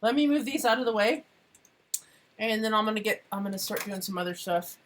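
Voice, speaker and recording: A woman's voice: mid-range voice, animated, brisk, a little hiss or hum. A woman chatting casually on a live stream as she crafts, thinking aloud and trailing off mid-sentence.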